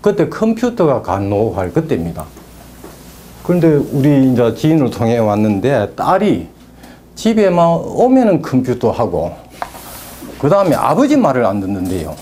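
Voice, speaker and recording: A man's voice: mid-range voice, huge pitch swings, moderate pace, mellow, slight background noise. A middle-aged man with a Gyeongsang Korean accent, telling stories from his work as a naming consultant in casual talk. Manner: storytelling with rambling asides.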